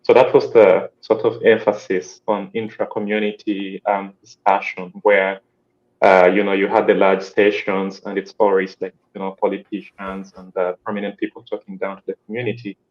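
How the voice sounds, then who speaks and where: A man's voice: sits low, little pitch movement, normal speed. A man from Uganda, explaining his project as a panel guest over a video call, with frequent "um". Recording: dull lo-fi call audio.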